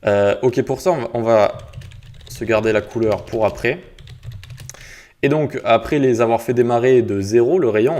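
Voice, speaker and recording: Lower-voiced man teaching code casually. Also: darkish tone. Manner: casual, explains step by step, peppers speech with 'tac' and 'hop'. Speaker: web development instructor. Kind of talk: screen-recorded coding tutorial.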